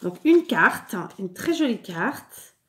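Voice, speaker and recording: A French woman with a somewhat high voice chats casually as she shows the mail she received. She stumbles, repeats words and fills pauses as she goes. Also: big pitch swings. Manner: chatty, stumbling restarts and fillers. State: clearing her throat, something in the throat. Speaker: scrapbooking vlogger.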